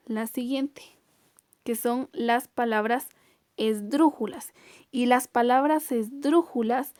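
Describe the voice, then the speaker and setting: A woman teacher giving a recorded online class, explaining carefully and stretching example words out slowly to show where the stress falls. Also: a little high, a little mellow, smooth, dry recording, studio quality.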